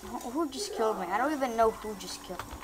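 A woman's voice: on the high side, lively intonation, fast talker, a crowd in the background. A woman giving casual gameplay commentary, rambling and poking fun at herself. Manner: rambling, self-mocking, chatty. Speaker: gaming YouTuber.

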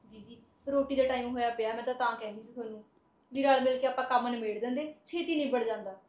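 A woman's voice: on the high side, fast, muffled recording, lightly acted. An actress playing a jealous, nagging young wife who scolds her husband, in a short drama. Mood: coaxing. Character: sharp-tongued young wife, jealous of family.

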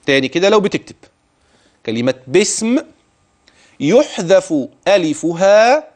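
A man's voice: high-pitched, big pitch swings, unhurried, darkish tone. A middle-aged man with an Egyptian Arabic accent teaching Quran recitation rules, voicing his students' questions and then answering them himself. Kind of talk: tajweed lesson with recited verses.

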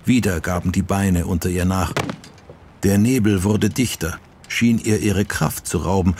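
Low-voiced guy narrating an audiobook, measured and dramatic. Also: background noise. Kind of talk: scripted narration.

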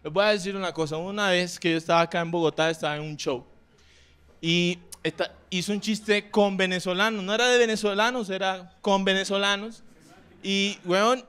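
A young man from Colombia's Caribbean coast, speaking coastal Colombian Spanish in a high, smooth voice, performs a brash, profane stand-up set on a club stage, loudly acting out characters. The live club recording carries audible noise, with audience laughter and room ambience behind him.

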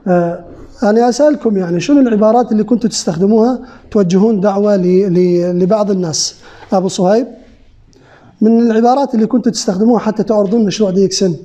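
A man's voice: high voice, very fast, mellow. A man giving a sales-training lecture to a live group. He asks the room questions and repeats his key phrases. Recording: muffled lo-fi recording.

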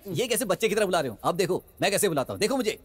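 A man playing a fast-talking, teasing friend in a comedy film dub. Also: high-pitched, very animated, big-room sound, background noise. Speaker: joking friend. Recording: film dub over music.

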